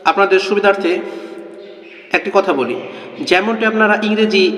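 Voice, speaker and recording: A man teaching Quran reading, slowly drilling letter sounds in a sing-song chant and patiently explaining each one to his viewers. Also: high-pitched, fairly even intonation, a bit bright. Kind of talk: slow step-by-step recitation lesson. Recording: echoey room with long reverb.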